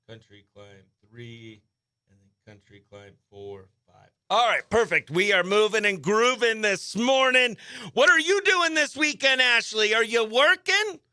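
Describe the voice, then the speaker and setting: A morning radio host, talking behind the scenes in the radio studio, stays upbeat and chatty, occasionally muttering to himself as he works. His voice runs on the high side, sharp and clean in tone, with no echo.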